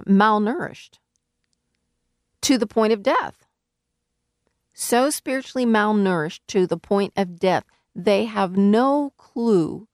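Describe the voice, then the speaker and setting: A woman's voice: mid-range voice, dry recording, studio quality. A woman preaching a sermon in an earnest, emphatic way, working through scripture. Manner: earnest, emphatic, rises to calling out. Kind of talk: sermon teaching.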